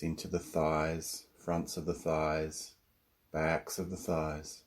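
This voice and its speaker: Long pauses fall between the instructions of this yoga nidra teacher, a man with a low voice. He guides the relaxation in a calm, soothing way.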